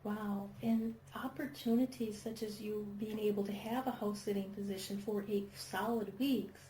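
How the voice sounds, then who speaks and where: A woman hosts an internet radio show, and her voice is mellow and rounded. The sound is roomy and echoey, with a faint hum of ambience behind her. She responds to her guest in an affirming, coaching way. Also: mid-range voice, fairly even intonation, moderate pace.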